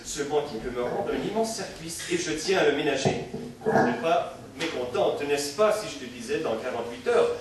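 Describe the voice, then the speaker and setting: A man's voice: fairly high pitch, lively intonation, moderate pace, natural voice. An actor playing an evasive, glib husband who chats and laughs his way around questions, on an echoey, distant recording. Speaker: husband in a comic sketch. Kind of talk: old-time recorded comic dialogue. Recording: distant, echoey, faint hiss.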